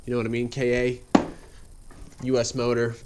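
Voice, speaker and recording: With a noisy background, a man with a mid-range voice speaks at normal speed in a completely flat delivery, sounding congested and slightly nasal. He gives laid-back, rambling, filler-heavy how-to narration of his car build while working in a garage, recorded on a head-mounted action camera.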